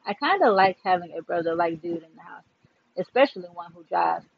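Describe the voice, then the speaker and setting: A man's voice: high-pitched, expressive, fairly quick, creaky, slightly rough, muffled recording. A man reading a novel aloud to his listeners, chapter by chapter, with casual asides. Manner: warm sign-off, casual asides. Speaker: book reader.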